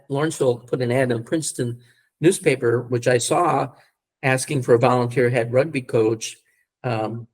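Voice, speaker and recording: An older man from the United States tells long stories in a relaxed interview. He wanders through his sentences, stopping on ums and uhs and restarting, and he often breaks into a chuckle. His voice sits at an ordinary middle pitch for a man. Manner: rambling, many fillers and restarts, chuckles while recalling. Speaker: podcast guest, former rugby player and coach. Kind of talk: casual interview storytelling.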